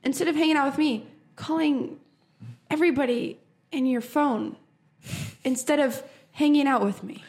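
A woman's voice: high-pitched, moderate pace, long pauses, a little mellow. A young woman guesting on a casual podcast, teasing her friends playfully. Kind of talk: casual banter.

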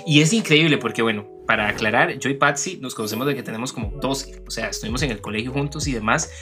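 A man's voice: medium pitch, fast talker, over music. A young man with a Costa Rican accent chatting casually as a podcast co-host, dropping English words into his Spanish. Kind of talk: casual personal conversation.

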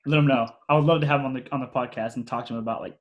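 Rambling young podcast host. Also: male voice, mid-range voice, fairly even intonation, racing, muffled recording. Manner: rambling, with many fillers and restarts; slangy, says "yo" and "y'all". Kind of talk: casual podcast chat.

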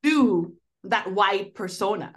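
A woman's voice: medium pitch, animated, takes it slowly. A woman co-hosting a podcast, chatting casually about a film, full of fillers and restarts. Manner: rambling, many fillers like "like" and "you know". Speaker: podcast co-host. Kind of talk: casual film review chat.

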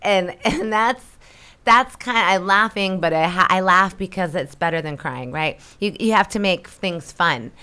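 A woman in casual spiritual chat, animated and laughing easily as she talks. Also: lowish voice, normal speed, clear, resonant tone.

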